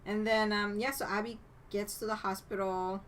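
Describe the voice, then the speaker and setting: A woman with a middle-pitched voice tells a movie's story in an easygoing podcast chat. She links each event with "and then" and sometimes acts out characters' lines. Faint background noise runs under her voice. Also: level tone, normal speed, fairly bright tone. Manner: chatty storytelling, strings clauses with "and then". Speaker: podcast co-host. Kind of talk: casual movie recap chat.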